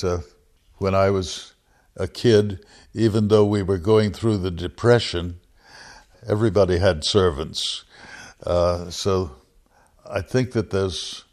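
An older man, a poet, answering interview questions in a measured, hesitant way with frequent pauses. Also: deep voice, darkish tone. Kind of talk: reflective interview answers and poetry reading.

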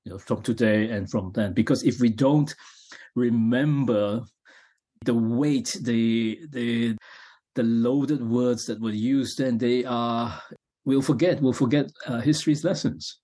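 A middle-aged man from Malaysia, a novelist answering interview questions in a halting way, with many restarts and fillers. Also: medium pitch, warm tone.

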